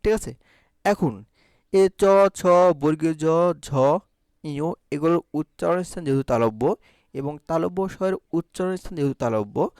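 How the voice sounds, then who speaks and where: A man's voice: fairly high pitch, darkish tone, dry recording, studio quality. A man teaching a Bangla grammar lesson, explaining step by step and answering his own questions. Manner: keeps checking understanding with short prompts. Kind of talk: recorded exam-prep lesson.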